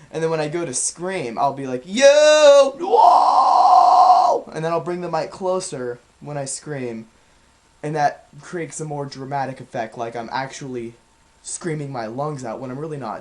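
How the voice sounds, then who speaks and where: A man's voice: mid-range voice, a little mellow. A young man giving a casual, rambling video lesson on vocal technique, with plenty of fillers. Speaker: vocal coach.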